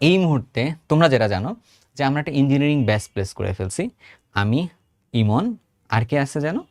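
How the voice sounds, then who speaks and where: A man's voice: medium pitch, lively intonation, fast, darkish tone, no echo, clean studio sound. A man in his thirties with a Bangladeshi Bengali accent, teaching an online exam-prep chemistry lesson in a chatty way, repeating phrases and quizzing his students.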